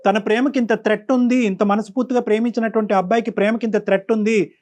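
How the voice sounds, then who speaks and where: High, fast-talking male counselor. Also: fairly even intonation, darkish tone. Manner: probing, questioning. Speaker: counselor host. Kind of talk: studio counseling talk.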